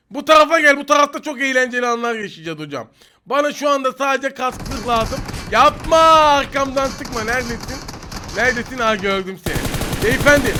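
Excitable high-voiced Turkish gamer man. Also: slight background noise. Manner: joking, teasing opponents, excitable outbursts. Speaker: gaming YouTuber. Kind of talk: live gameplay commentary.

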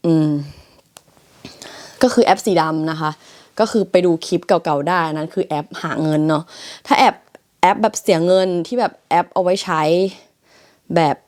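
Chatty young woman, lowish voice. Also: moderate pace, darkish tone. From Thailand. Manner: chatty, filler-heavy, addresses viewers as everyone. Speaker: vlogger. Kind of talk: casual vlog chat. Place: her bedroom in a shared house.

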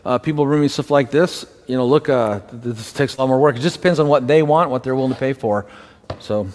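A middle-aged man gives straight, practical answers as a detailing instructor in a live class, his voice sitting at an ordinary pitch. He leans on casual fillers like "you know" and "look". The sound carries a long reverberant ring from the shop. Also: fast, darkish tone, slight background noise. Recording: reverberant room.

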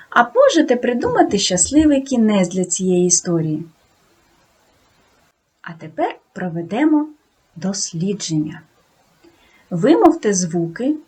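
A woman teaching a video lesson to second graders, talking slowly and sing-song and praising the children often. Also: fairly high pitch, a little mellow, slightly rough. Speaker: primary school teacher.

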